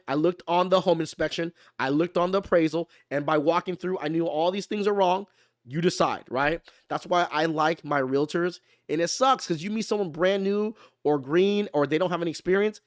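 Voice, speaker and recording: A man with a fairly high voice talks through his topic in a loose, playful way, tossing in slang and asking his viewers whether they follow. The sound is dry and close, with no room around it. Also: no room sound. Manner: conversational, keeps asking "right?". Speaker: mortgage lender hosting a live stream. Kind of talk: casual explainer talk.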